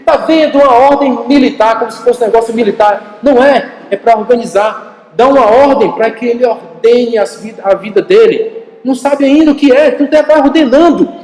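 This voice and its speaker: High-voiced Brazilian pastor preaching. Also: male voice, normal speed. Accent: Brazilian Portuguese. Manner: animated storytelling preacher, addresses congregation directly. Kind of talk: sermon. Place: church hall. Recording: echoey church hall, roomy reverb.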